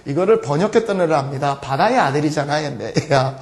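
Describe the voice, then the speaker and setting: A man's voice: a little high, quick pace. A man teaching an online English grammar lecture, joking and acting out his students' questions. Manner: lively, joking, acts out students' voices.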